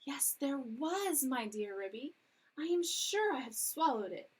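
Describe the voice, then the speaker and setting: A woman's voice: sits high, big pitch swings, unhurried, pitched above the performer's own voice. Woman putting on a fretful genteel lady dog. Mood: moaning. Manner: polite, whimpering and moaning.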